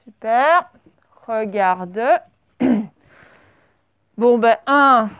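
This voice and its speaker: A woman teaching a primary class, dictating words slowly and spelling them out letter by letter. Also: a little high, smooth, narrow, tinny audio. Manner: slow, over-articulated dictation of words.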